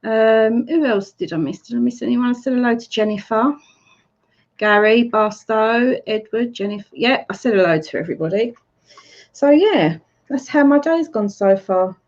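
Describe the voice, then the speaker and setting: A woman's voice: on the high side, moderate pace, darkish tone. A middle-aged woman with an Essex accent hosting a casual livestream chat, greeting viewers by name and laughing often. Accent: Essex English. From Essex, England. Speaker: livestream host. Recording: slightly muffled lo-fi stream audio.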